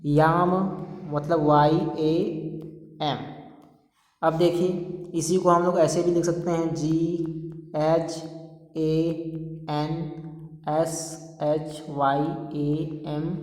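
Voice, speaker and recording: Patient teacher spelling out letters one by one, mid pitch, echoey room with long reverb. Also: level tone, darkish tone. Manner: patient, repeats "ठीक है" to check understanding; slow, step-by-step spelling out of letters. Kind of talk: spelling lesson at a board.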